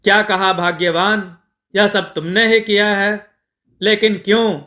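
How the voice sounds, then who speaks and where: A man voicing a greedy middle-aged moneylender who frets and pleads, in a slow, bright voice. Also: sits high, flat delivery, pitched above the performer's own voice. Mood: indignant. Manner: fretful, pleading, then remorseful.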